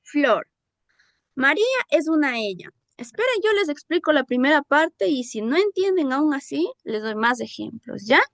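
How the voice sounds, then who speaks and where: A woman's voice: high voice, lively intonation, moderate pace, vocal fry, fairly bright tone, no room sound. A woman teaching a classroom English lesson in Spanish with a Peruvian accent, patiently repeating examples and checking that students follow. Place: school class session.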